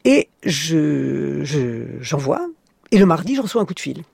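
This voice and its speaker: An older French woman, a publisher, telling stories in a radio interview, lively and full of hesitant fillers, with a husky, gravelly voice. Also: low voice, unhurried, no room sound, studio quality. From France.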